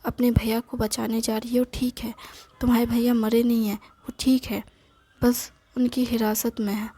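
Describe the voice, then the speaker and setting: An insistent, protective young man who pleads and argues, read by a woman in a fairly high, even, mellow voice. The delivery stays flat and steady, like a storybook telling. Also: normal speed, breathy edge.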